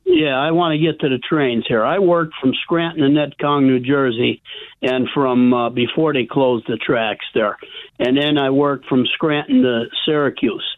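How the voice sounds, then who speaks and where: A man's voice: mid-range voice, steady tone, moderate pace, no room sound. A middle-aged man from northeastern Pennsylvania on a radio call-in, talking casually in an emphatic, chummy way and repeating himself. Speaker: caller, former railroad track worker. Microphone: phone call. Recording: narrow tinny phone line, dry.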